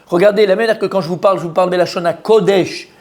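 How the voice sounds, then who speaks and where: A man's voice: high voice, fairly even intonation, fast talker, a little mellow. A man, a rabbi, giving an informal Torah lesson to a live group, talking straight to his listeners and repeating key words with many fillers. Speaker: rabbi teaching a Torah class.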